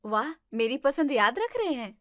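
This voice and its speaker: A pouting young wife and vlogger, acted by a woman talks in a brightish, higher voice, quick to take offense. The sound is dry and close to the mic, with no room echo. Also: very animated. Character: young newlywed wife, touchy social media vlogger. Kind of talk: family drama acting.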